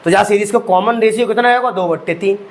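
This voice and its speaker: A young man speaks fast in a high voice during an exam-prep maths lecture. He guides students step by step, poses rhetorical questions, and addresses them as "bhai sahab."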